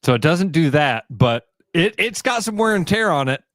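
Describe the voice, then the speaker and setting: A man co-hosting a radio show, chatting casually about sports with quick asides and laughs. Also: a little high, no room sound, studio quality. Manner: animated, quick asides, laughs while talking.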